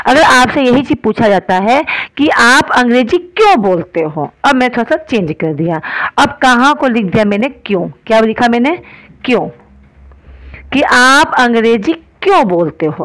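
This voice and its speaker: A woman with an Indian accent teaching an online grammar lesson, often asking if things are clear and slowing down to spell out example sentences. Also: fairly high pitch, low-quality recording. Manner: explains in Hindi, often asks if it is clear.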